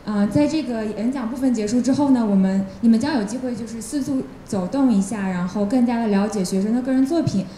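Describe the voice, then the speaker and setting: Dark-voiced woman interpreting live. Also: a little high, quick pace, hardly any pauses, slight background noise. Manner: hesitant, with fillers. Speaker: assistant educator and interpreter. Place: large event hall. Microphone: handheld microphone. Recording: echoey hall with handheld mic.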